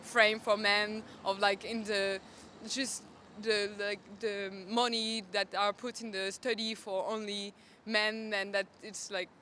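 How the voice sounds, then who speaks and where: A woman's voice: mid-range voice, flat delivery, slow pace, pushed and bright, a little hiss or hum. A young woman from Belgium answering a street interview outdoors, hesitant and full of fillers.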